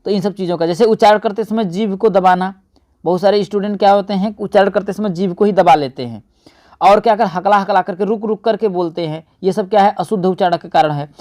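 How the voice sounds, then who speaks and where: A man's voice: high voice, fast talker, darkish tone. Hindi-speaking man teaching an exam-prep lesson. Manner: addresses viewers as friends, asks and answers own questions.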